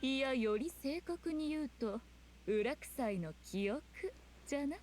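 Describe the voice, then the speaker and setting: High-voiced, regal teasing shrine spirit. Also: female voice, expressive, unhurried, a little mellow, slight background noise. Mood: composed explaining. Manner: haughty, composed, archaic noblewoman phrasing. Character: regal, teasing female fox shrine spirit, archaic speech. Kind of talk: video game voice acting.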